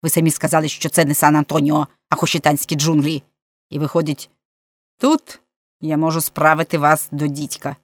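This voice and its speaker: A woman reading as a cynical, quarrelsome man from a storybook. He grumbles and argues sarcastically in a low voice. The sound is dry and up close. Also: level tone, moderate pace, dry recording.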